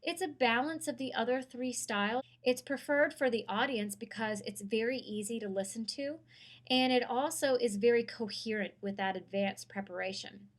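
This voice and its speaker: Woman giving a clear lecture. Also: fairly high pitch. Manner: clear, measured, explanatory. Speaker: public speaking instructor. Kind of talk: recorded course lecture.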